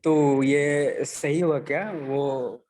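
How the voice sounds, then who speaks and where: A man hesitantly asking a question in an online class over a video call, pausing to search for his words. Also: fairly high pitch, steady tone, a little mellow.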